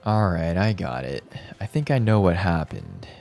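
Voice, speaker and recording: A man streaming a video game, joking and reacting loudly in casual commentary. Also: deep voice, big pitch swings, normal speed, creaky, soft background music.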